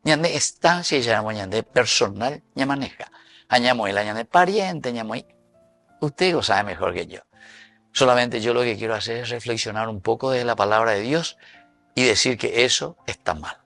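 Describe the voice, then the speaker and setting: Paraguayan priest preaching with a gravelly voice. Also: male voice, mid-range voice, normal speed, no echo, soft background music. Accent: Paraguayan Spanish. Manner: lively preaching with sudden loud and soft swings. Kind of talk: sermon mixing Guarani and Spanish.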